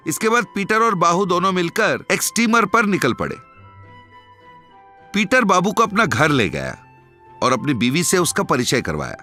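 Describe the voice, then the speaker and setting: Lively high-voiced male cartoon narrator. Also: normal speed, soft background music. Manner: lively storytelling with a moral.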